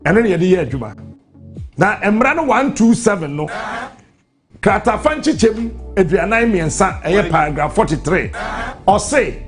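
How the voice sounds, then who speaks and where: Man, Ghanaian accent, radio host, highish voice, deliberate explainer, repeats for emphasis, music behind. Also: big pitch swings. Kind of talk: reading out legal text and explaining it live on air.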